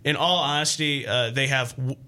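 A man with an American accent giving casual sports analysis as a podcast co-host, often halting and repeating words as he explains. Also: mid-range voice, steady tone, sharp tone.

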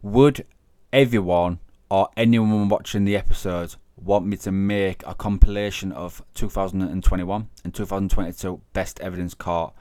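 Low-voiced guy rambling on his podcast, dry close sound, keeps correcting himself. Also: fairly even intonation, moderate pace, hardly any pauses, warm tone, no echo. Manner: rambling, self-correcting, chatty. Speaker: podcast host, paranormal investigator. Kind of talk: casual podcast chat.

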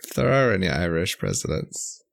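A man's voice: low-pitched, very animated, moderate pace, creaky. A young American man co-hosting a podcast in easygoing, casual chat. He laughs often and finishes his co-host's sentences. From United States. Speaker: podcast co-host.

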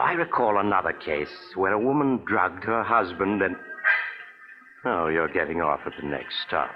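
An actor playing a sinister, wryly amused storyteller hosting a 1940s radio mystery, macabre and mock-sympathetic. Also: male voice, sits low. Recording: muffled old radio recording, clear music behind.

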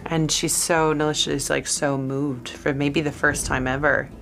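Slow, low-voiced woman playing a tabletop game. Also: flat delivery, vocal fry, a bit bright, soft background music. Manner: thoughtful, hesitant. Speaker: player.

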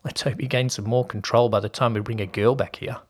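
A man voicing a relaxed, teasing young man, speaking in a low-key, casual way. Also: a little fast, natural voice.

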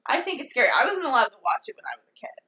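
Bright, excitable, lively-pitched woman. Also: rapid-fire. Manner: excitable, rambling, peppered with "like". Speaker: podcast co-host. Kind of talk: casual chat. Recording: roomy echo.

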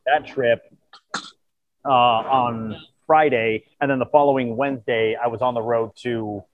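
A man's voice: mid-range voice, steady tone, unhurried, slight background noise. Tired man hosting, dull lo-fi sound. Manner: earnest, grateful, rambling. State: tired, voice wearing out. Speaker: podcast host. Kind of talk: casual chat. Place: at a convention.

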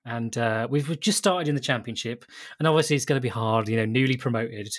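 A man's voice: medium pitch, fast talker. A man from England chatting casually on a podcast, rambling with lots of fillers and frequent laughs. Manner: rambling, laughs often, many fillers and restarts. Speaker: podcast co-host. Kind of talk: casual chat.

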